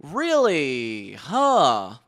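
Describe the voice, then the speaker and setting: A young man casually live-streams, cursing and muttering to himself as he works through a task. His voice sits fairly high and swoops wildly in pitch, with a slightly bright tone, and he talks extremely slowly.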